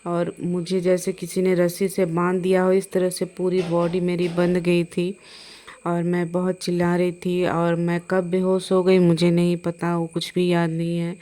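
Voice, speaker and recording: A woman's voice: lowish voice, monotone, moderate pace, mellow. A middle-aged woman recounting a frightening personal experience, hesitant, with many fillers and restarts. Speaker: storyteller.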